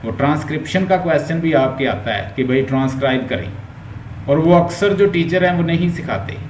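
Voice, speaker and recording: A man's voice: fairly high pitch, lively intonation, a little fast, darkish tone. A male linguistics teacher with a Pakistani Urdu accent, giving an online lecture and explaining step by step while mixing English terms into his Urdu. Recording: roomy echo, faint background hum.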